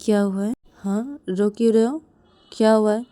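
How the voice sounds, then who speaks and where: A doting middle-aged mother coaxes gently and repeats her questions, as a woman storyteller puts her on. Warm, mellow tone in a dry, close recording. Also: mid-range voice, normal speed, no echo, close to an everyday voice. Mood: coaxing concern. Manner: coaxing, repetitive questioning.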